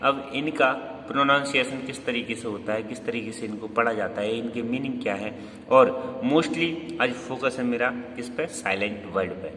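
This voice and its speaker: A man with a Hindi accent teaches pronunciation at a middle pitch, asking questions and answering them himself as he drills each word. His corrections come out stressed and insistent. The room rings with a long, echoey reverb and a faint hiss underneath. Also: moderate pace, bright, forceful tone. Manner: repetitive, quizzing the viewers with questions and answers. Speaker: English teacher. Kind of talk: screen-based grammar lesson.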